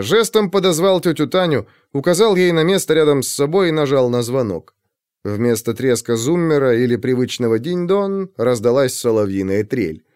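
A man narrating a crime story as a scripted audiobook, in an expressive, dramatic way. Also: mid-range voice, dry recording, clean studio sound.

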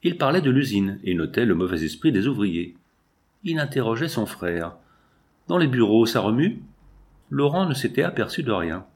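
Male narrator for literary audiobook, measured yet lively in pitch. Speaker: audiobook reader.

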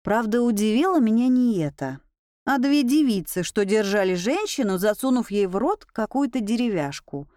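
A woman narrating a first-person audiobook in a lively, expressive way. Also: on the high side, moderate pace, dry recording, studio quality.

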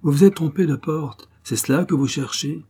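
A man's voice: medium pitch, moderate pace, mellow, voice pushed up, lightly acted. A man voicing a brave, composed older spinster in an audiobook, speaking firmly and with dignity.

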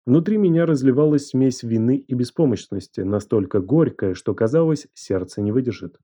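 A man narrating a first-person audiobook in a measured, even storytelling manner. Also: medium pitch.

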